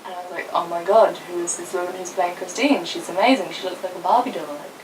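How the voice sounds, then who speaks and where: A young woman co-hosting a casual video chat, telling a story with quick asides. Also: fairly low pitch, steady tone. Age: young adult. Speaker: YouTube co-host. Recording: distant mic with faint noise.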